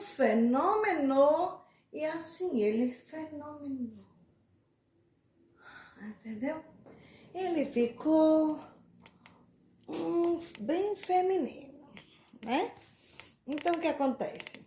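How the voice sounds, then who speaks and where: A woman's voice: sits high, a little mellow, far from the mic. A woman in a casual monologue, rambling and repeating words as she explains letter sounds in names, laughing at herself now and then. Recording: echoey room, faint background noise.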